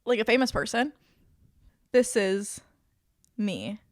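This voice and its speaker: A woman's voice: medium pitch, lively intonation, slow pace, no echo, studio quality. A young woman co-hosting a podcast in casual chat, talking freely with lots of fillers and giggles. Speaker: podcast co-host.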